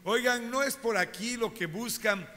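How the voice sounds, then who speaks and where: A preacher voicing a calm old bald prophet. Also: male voice, very high voice, a little slow, voice pushed up, full character voice. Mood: commanding. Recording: reverberant church hall.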